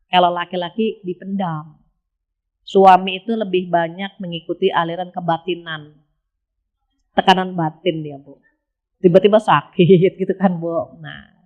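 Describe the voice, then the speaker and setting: A woman's voice: mid-range voice, phone-quality sound. Woman preaching in a chatty sermon. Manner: chatty, often addresses listeners directly. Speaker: Islamic preacher. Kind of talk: casual sermon to women.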